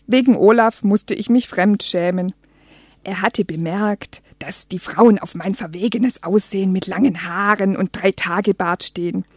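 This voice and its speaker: A woman's voice: medium pitch, unhurried, dry recording. A woman reading a humorous first-person story aloud as an audiobook, with a wry, dry comic delivery. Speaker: audiobook reader.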